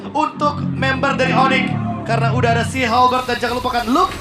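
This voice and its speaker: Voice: sits high, fairly even intonation, quick pace. An esports analyst with an Indonesian accent giving live commentary that breaks down the match. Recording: loud music under the voice. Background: loud music.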